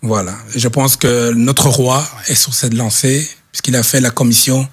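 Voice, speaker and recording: A middle-aged man from Belgium, a guest speaking earnestly in an interview, halting and repeating words as he searches for them. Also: mid-range voice, fairly even intonation, breathy edge. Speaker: guest, association representative. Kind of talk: earnest testimony in a talk show interview.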